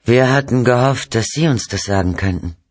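A man's voice: mid-range voice, moderate pace, dry recording, pitched above the performer's own voice, close to an everyday voice. A man doing a persistent woman detective. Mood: probing. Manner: firm, probing questions. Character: middle-aged female police detective, persistent.

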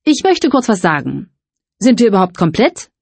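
An eager, brisk party organizer in an audiobook, talking through her plans in a chatty flow, as a woman reader puts her on. The voice is a touch husky and close, with no room around it. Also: medium pitch, big pitch swings, a little mellow, no echo, exaggerated voice. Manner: brisk, chatty speech-giver.

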